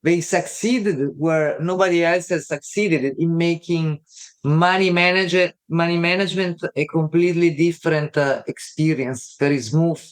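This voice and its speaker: Italian woman guest, hesitant speech. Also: low-pitched. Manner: hesitant, frequent fillers and restarts. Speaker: interview guest. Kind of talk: casual interview.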